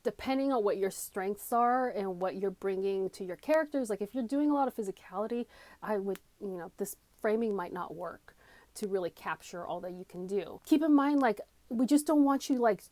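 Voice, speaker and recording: Recording in a cramped little room on wired or phone headphones, this woman gives an offhand, unscripted tutorial as a comedy coach and video creator. She's chatty, emphatic, and self-deprecating, speaking at normal speed in a mellow mid-range voice with no room sound.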